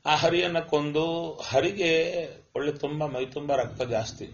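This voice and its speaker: A man's voice: a little high, fairly even intonation, unhurried. A middle-aged man giving a spiritual discourse, chanting verses and asking and answering his own questions as he tells a story. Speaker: religious discourse speaker. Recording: dull lo-fi recording.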